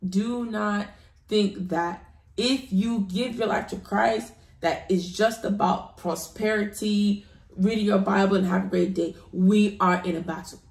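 A woman's voice: mid-range voice, fairly even intonation, measured pace, a little mellow. A woman from the United Kingdom giving an earnest personal testimony, urging listeners with a preaching emphasis. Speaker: testimony guest. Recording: roomy echo.

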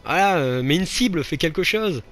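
Narrating his gameplay casually, a man with a slightly high, fairly bright, animated voice keeps a moderate pace. Every time an attempt fails he exclaims, laughs, and pokes fun at himself.

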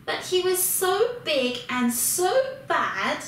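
A woman reading a children's storybook aloud in an expressive, unhurried way. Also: sits high. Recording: very echoey room, distant mic, faint hiss.

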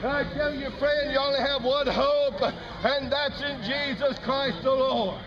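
A man's voice: extremely high pitch, fairly even intonation, unhurried. A middle-aged man street preaching outdoors through a handheld mic, fervently warning of hell in a small-town street. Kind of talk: open-air street preaching. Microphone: handheld mic into a loudspeaker, filmed from nearby. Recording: muffled outdoor phone video, crowd and traffic. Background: crowd and traffic noise.

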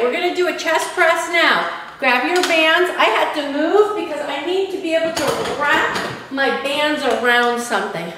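A woman's voice: high-pitched, fairly bright tone, slight background noise. A woman fitness instructor leading a home workout, counting reps and cueing moves in an upbeat, encouraging way. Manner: upbeat, encouraging, urging listeners on. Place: room in own house. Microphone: camera at a distance, self-filmed. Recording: echoey room, long reverb.

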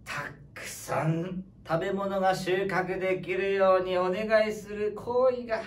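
A woman's voice: mid-range voice, steady tone, a little slow, lightly acted. A woman playing a folksy old grandpa. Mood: storytelling. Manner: folksy old-man speech, chuckling. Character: cheerful old grandpa man. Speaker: co-presenter character. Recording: echoey, from far off, faint noise.

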